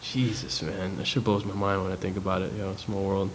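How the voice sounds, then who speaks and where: Slangy, excitable male interviewer. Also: low voice, a little fast, slight background noise. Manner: loose, enthusiastic, slangy and profane. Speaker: interviewer host. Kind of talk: casual interview chat.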